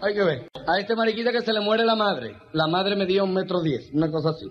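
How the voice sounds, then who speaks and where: Fast-talking joke-telling man. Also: high-pitched, noisy background. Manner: rapid, animated storytelling. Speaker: joke teller. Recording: dull lo-fi sound.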